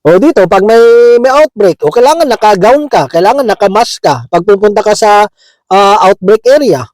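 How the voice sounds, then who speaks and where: A man's voice: high voice, lively intonation, normal speed, a little mellow, no echo, poor audio. A man preaching a conversational sermon, chuckling often and checking in with his listeners, slipping English words into his talk. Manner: chatty, keeps asking "di ba?", chuckles often.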